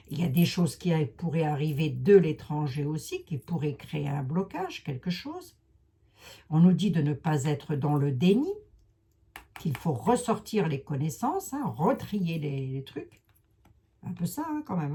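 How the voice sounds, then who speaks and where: A woman's voice: fairly low pitch, dark tone, slightly rough. A woman with a Lorraine accent doing a rambling, chatty tarot and oracle card reading for her viewers, full of hesitations and asides. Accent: Lorraine French.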